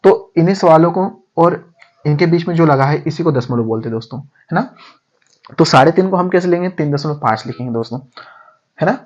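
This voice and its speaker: A man's voice: a little high, lively intonation, fairly quick. A man teaching maths in a casual step-by-step lesson, calling viewers friends and asking rhetorical questions as he goes. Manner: addresses viewers as friends, repeats steps, asks rhetorical questions. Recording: dull lo-fi sound.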